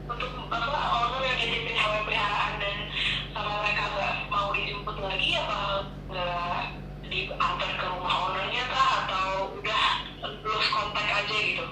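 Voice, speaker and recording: A woman's voice: medium pitch, steady tone, normal speed, reverberant, far from the mic, over loud music, rough recording. A woman interviewer speaking over a speakerphone call, polite and questioning. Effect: heard over a speakerphone call. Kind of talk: phone interview.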